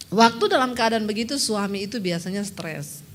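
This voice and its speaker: A woman pastor preaching a sermon, telling a personal story in a lively, chatty way and calling out to the congregation. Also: mid-range voice, normal speed, a little hiss or hum. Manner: lively, chatty, laughs often, calls out to congregation.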